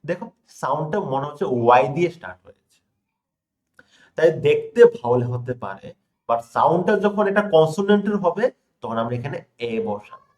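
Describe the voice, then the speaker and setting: A man's voice: on the high side, animated, a little mellow. Man teaching grammar, checking in often. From India. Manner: checks in often with rhetorical questions to students; stresses words, reads example sentences slowly. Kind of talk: classroom lesson explaining examples.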